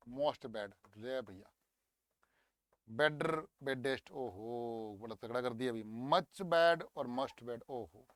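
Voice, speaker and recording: A young male teacher coaxes his students through an exam paper, drilling each word out loud. His voice sits fairly high. The recording is dry and close. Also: no echo. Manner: lively, coaxing, drills words aloud. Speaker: English teacher. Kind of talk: exam paper walkthrough lesson.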